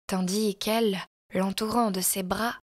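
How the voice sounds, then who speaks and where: A woman reading a classic story aloud as narrator, in measured, expressive storytelling. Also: medium pitch.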